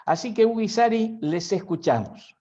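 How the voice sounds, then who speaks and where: A man introducing speakers at a church missionary conference, halting with frequent tag questions. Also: high-pitched, big pitch swings, dark tone, highs cut off. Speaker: pastor.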